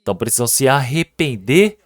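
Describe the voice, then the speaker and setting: Fairly quick and with big pitch swings, a medium-pitched male pastor gives an earnest, emphatic Sunday sermon, repeating words and often asking rhetorical questions of the congregation. There's no echo, and the sound is studio-clean.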